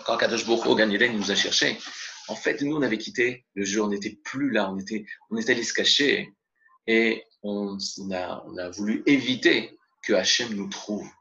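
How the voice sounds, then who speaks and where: A man giving a spoken religious lesson as a Torah teacher, expressive and mixing Hebrew terms into his explanations, in a dull lo-fi recording. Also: on the low side, normal speed, creaky.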